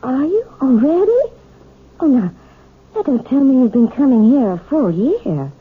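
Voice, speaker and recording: An actress voicing a fearful, gentle woman piano teacher in an old radio drama, speaking hesitantly and evasively. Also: high voice, big pitch swings, measured pace, breathy edge, heavily acted. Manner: hesitant, evasive, softly reproving. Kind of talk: 1970s radio acting. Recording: tinny, phone-like old radio recording.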